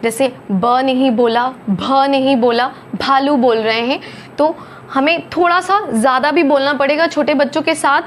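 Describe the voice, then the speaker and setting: A woman teaching a phonics lesson, slowly over-articulating each letter sound. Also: sits high, a little hiss or hum. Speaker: Hindi teacher.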